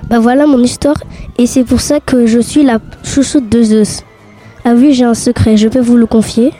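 A woman's voice: on the high side, steady tone, normal speed, warm tone, soft background music, lightly acted. A woman voicing a proud goddess of wisdom and war who teases her listeners. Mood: cheeky. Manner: cheeky, teasing the listeners. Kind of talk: reciting a mythology monologue.

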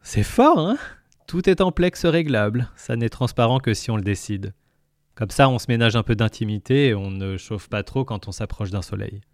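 A man voicing a confident young woman on a spaceship crew, lively and welcoming. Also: mid-range voice, moderate pace, no echo, clean studio sound, close to an everyday voice. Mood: showing around.

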